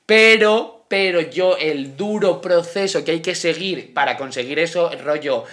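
A young man, chatting excitedly as podcast co-host, often stumbling and repeating his words. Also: on the high side, a little slow. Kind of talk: casual chat.

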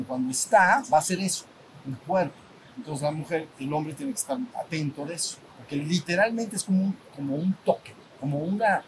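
A man teaching a retreat lecture. He speaks informally, restarts his sentences often, checks in with his listeners and acts out sounds as he explains. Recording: steady background rumble and noise.

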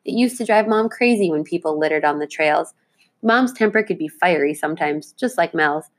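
A woman teacher reading a children's book aloud to her class, with clear, expressive delivery. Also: fairly low pitch, moderate pace.

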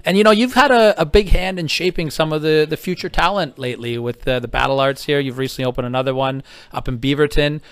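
Clear-voiced, slightly high male interviewer. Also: fast talker, few pauses, fairly bright tone, dry recording. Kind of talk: casual, enthusiastic fan-like interview.

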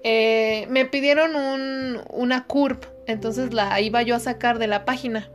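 A woman's voice: a little high, fairly even intonation, measured pace, faint music behind. A young Mexican woman telling gossip in a casual chat, swearing freely and acting out dialogue. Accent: Mexican Spanish.

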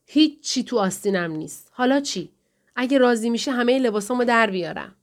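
Woman doing a pleading husband, earnest, talks it through steady. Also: a little high, close to an everyday voice. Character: distressed man pleading with his wife. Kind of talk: audiobook dialogue reading.

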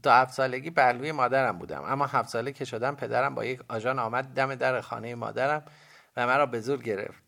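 Male reader as poor ten-year-old errand boy, raised pitch, earnest. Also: gravelly, bright, forceful tone. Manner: plain, earnest answers.

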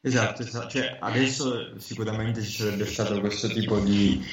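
A man's voice: lowish voice, steady tone, moderate pace, recorded from a distance, a crowd in the background. A man speaking casually in a group chat. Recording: echoey, slightly dull room sound.

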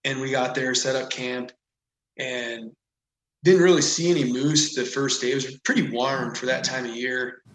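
A man's voice: mid-range voice, moderate pace, slight background noise. A man as a podcast guest, telling a story casually and animatedly, with lots of "like" and "whatever.". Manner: animated, rambling with frequent "like" and "whatever". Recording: echoey room.

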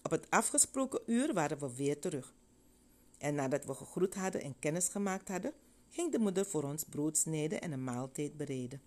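Expressive low-voiced woman storyteller. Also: moderate pace. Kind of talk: reading a testimony story aloud.

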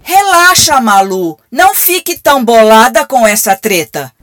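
A woman's voice: a little high, very animated, measured pace, fairly bright tone, dry recording, studio quality. A Brazilian woman playing a cheeky, slangy AI telemarketing assistant in a comic radio play. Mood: breezy, unhelpful. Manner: breezy, slangy, scripted assistant patter. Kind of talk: radio comedy sketch acting.

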